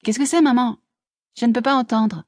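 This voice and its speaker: Woman reading bubbly young hostess, high gushing chatter, husky edge, dry sound. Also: fairly even intonation, moderate pace, no room sound, close to an everyday voice. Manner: breathless, gushing. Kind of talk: audiobook character voice.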